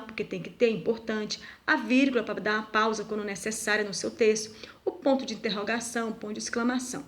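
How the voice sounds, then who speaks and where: A woman teacher giving a recorded video lesson to schoolchildren, speaking slowly and deliberately and asking the pupils questions. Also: fairly high pitch. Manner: slow, deliberate, asks pupils rhetorical questions.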